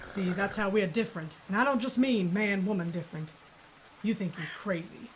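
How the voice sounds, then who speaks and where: Here the same gun-toting old sheriff, stubborn and blunt, is lightly acted by a woman at medium pitch and moderate pace. She sounds determined, dry, and folksy, over dull lo-fi audio with a little hiss or hum.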